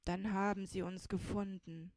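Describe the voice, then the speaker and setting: A woman voicing a tall, slow-moving young fellow in a storybook, speaking calmly and matter-of-factly. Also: medium pitch, no room sound, studio quality, close to an everyday voice. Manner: slow, calm, matter-of-fact.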